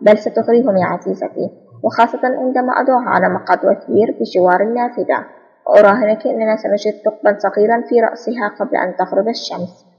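A woman's voice: medium pitch, quick pace, vocal fry, darkish tone, husky, in a large hall, lo-fi sound. A woman reading the lines of a cool, sarcastic male secret agent in an audiobook. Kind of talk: audiobook spy novel reading.

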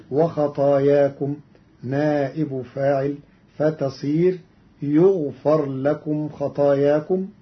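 A man giving a formal scholarly explanation of Quran readings in a measured, deliberate way, on a dull lo-fi recording. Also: a little high. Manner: measured and deliberate, chanting quoted verses.

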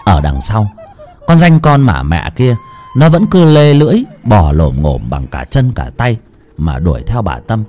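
A man narrating a ghost story with dramatic, lively storytelling. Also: on the low side, measured pace. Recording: music under the voice.

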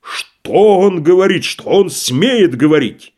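A man's voice: high voice, animated, takes it slowly, darkish tone, pitched above the performer's own voice, heavily acted. A man voicing a pompous, grandiloquent tragic actor, declaiming theatrically in an audiobook play reading. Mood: indignant declaiming.

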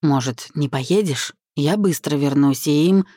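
A woman reads a gentle, worried young husband in a storybook scene. He speaks softly and hesitantly, in a low, mellow voice. The recording is dry and close. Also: a little slow, slightly rough, dry recording. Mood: concerned.

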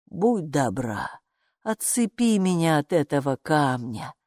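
A woman voicing a magical talking bathrobe, a calm male know-it-all who speaks in an unhurried, patronizing way in a storybook. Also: on the low side, dry recording, clean studio sound. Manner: unhurried, patronizing, calls her "friend".

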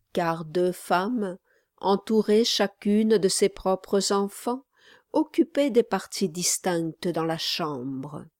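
A French woman narrating a classic novel as an audiobook, calm and measured. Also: medium pitch, no room sound, studio quality. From France. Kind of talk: scripted narration.

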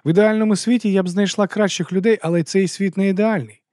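A man reading an audiobook and voicing a sharp, impatient woman schemer with a clipped, scornful delivery. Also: high voice, fairly even intonation, quick pace, no echo, studio quality, pitched above the performer's own voice, close to an everyday voice. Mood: brisk, scornful. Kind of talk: audiobook character voice.

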